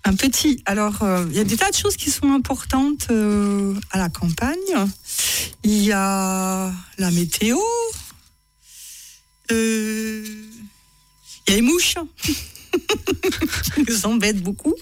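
A woman's voice: mid-range voice, slow, pauses often. A woman author reading excerpts from her own writing to an audience, chatty and self-mocking, often laughing at her own lines.

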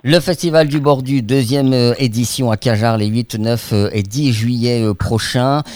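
A man's voice: medium pitch, moderate pace, a little mellow, dry recording. A man hosting a local radio interview, chatty and friendly, with filler hesitations. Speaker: radio host.

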